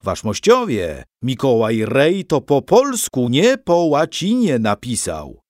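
A man voicing a tipsy, boastful nobleman who holds forth in a slow, drawling, rhetorical way, in a storybook reading. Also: mid-range voice, huge pitch swings, darkish tone, no echo, clean studio sound.

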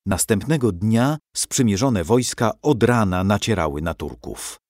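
A man reading a storybook aloud with dramatic, expressive narration. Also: on the low side, a little slow, no echo, studio quality.

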